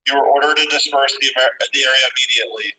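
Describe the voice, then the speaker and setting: A man's bright, edgy voice reads a police dispersal order, blasted from an LRAD sound cannon across a city street. It is heard far off through the blaring loudspeaker, in a flat monotone with almost no rise and fall. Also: mid-range voice, racing. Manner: flat, repeated official warning. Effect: blasted over an LRAD sound cannon. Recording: distant outdoor loudspeaker blare.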